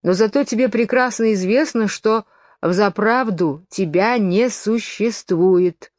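A woman's voice: medium pitch, slow, a little mellow, no echo, clean studio sound, lightly acted. A woman voicing a smug, quarrelsome little twin brother who lectures and contradicts, in a storybook reading.

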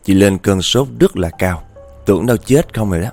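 A man's voice: low-pitched, expressive, brisk, darkish tone, faint music behind. A man telling a ghost story in a chatty, dramatic way, often speaking straight to his listeners.

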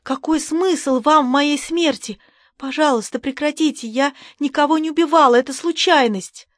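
A woman's voice: high voice, moderate pace, dry recording, clean studio sound, voice pushed up, natural voice. Woman doing a terrified pleading old woman. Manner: pleading, agitated, rising to shrieks. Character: frightened elderly woman, tearful and nervous.

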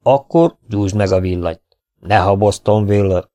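A man reading the lines of a calm, unshakable lawman in an audiobook, firm and deliberate. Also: fairly low pitch, close to an everyday voice. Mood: stern.

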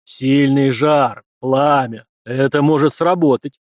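A skeptical male warrior, as a male narrator voices him, loud and slow-spoken, with a weighty, serious manner. The sound is dry and close. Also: mid-range voice, fairly even intonation, no room sound, close to an everyday voice.

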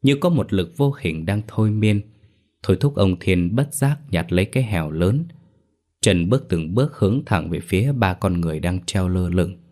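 A man reading a horror story aloud as a storyteller, in a measured, slow manner. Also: low voice, lively intonation, darkish tone. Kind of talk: scripted horror story narration.

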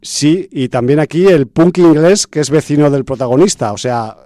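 A man's voice: on the high side, normal speed, warm tone, no room sound, studio quality. A man from chatting casually about a film's cast as a podcast host, full of fillers and restarts. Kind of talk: casual film review chat.

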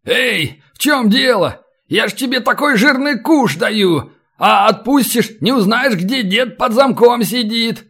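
A man's voice: very high voice, expressive, measured pace, hardly any pauses, fairly bright tone, breathy edge, pitched above the performer's own voice, heavily acted. A man voicing a terrified young bandit who pleads and bargains for his life. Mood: panicky. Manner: pleading, panicky.

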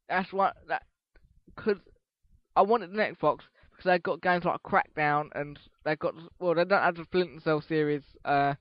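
A man's voice: a little high, no room sound. A teenage boy hosting a casual solo podcast, rambling, swearing casually and restarting his sentences as he goes. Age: teens. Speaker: podcast host. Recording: dull lo-fi podcast recording.

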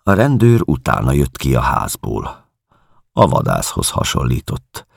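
A man reading a novel aloud as an audiobook, in a measured, calm first-person voice. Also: very deep voice, gravelly, slightly rough, dry recording, clean studio sound. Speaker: audiobook narrator.

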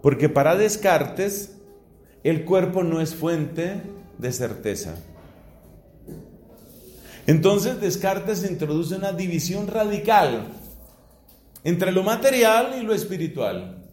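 A middle-aged man from Colombia, a priest, giving a philosophy lecture in a slow, deliberate way with rising emphasis. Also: sits high, very animated, darkish tone, faint music behind. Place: classroom or hall. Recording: echoey room.

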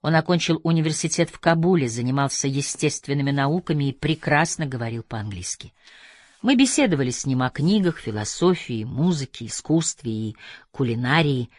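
A man voicing a guarded young woman who tells her past in a flat, even way, in an audiobook. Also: medium pitch, brisk, dry recording, natural voice.

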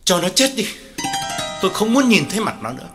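A man's voice: sits high, sing-song, brisk, music in the background, voice pushed up. A man voicing a stern, furious older father who is a physician, giving harsh curt orders. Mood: enraged.

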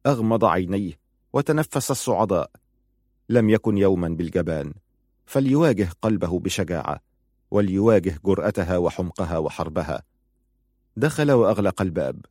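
A man narrating a novel in measured storytelling. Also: sits low, lively intonation, darkish tone, dry recording, studio quality. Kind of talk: audiobook narration.

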